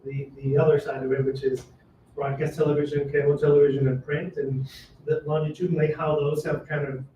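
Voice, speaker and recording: A man in the audience asking the speaker a hesitant question in a flat delivery. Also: on the high side, brisk, muffled recording, a little hiss or hum. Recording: distant roomy audience mic.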